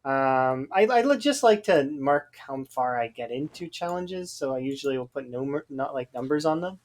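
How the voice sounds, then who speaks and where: A man's voice: mid-range voice, lively intonation, normal speed. A Canadian man chatting casually while streaming a game, rambling with lots of hesitant fillers. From Alberta, Canada.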